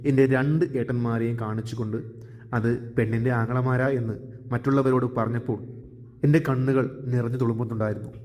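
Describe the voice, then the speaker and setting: A man narrating a scripted first-person story in a steady, earnest way. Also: mid-range voice, brisk. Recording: long hall reverb.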